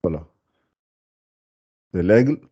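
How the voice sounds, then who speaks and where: A man with a low, mellow voice teaches a beginners' class, slowly sounding out letters and correcting students. His talk is patient and full of restarts. The sound is dull and lo-fi. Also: lively intonation, slightly rough. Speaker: Arabic teacher. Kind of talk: live beginner Arabic class.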